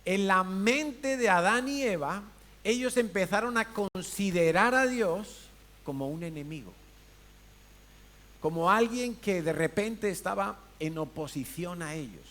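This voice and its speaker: A man's voice: high voice, lively intonation, unhurried, fairly bright tone. A man with a Spanish accent preaching a sermon in a church hall, in a conversational way, asking the congregation questions and acting out different tones of voice. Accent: Peninsular Spanish. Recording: faint hiss.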